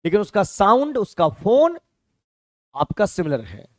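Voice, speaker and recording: A male teacher with a Hindi accent, explaining words one step at a time and stopping often to ask whether the class has it. His voice sits high and swings widely in pitch. The sound is close and dry. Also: wildly swooping pitch, measured pace, no room sound. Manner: explains step by step, checks with "clear?". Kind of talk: classroom lecture.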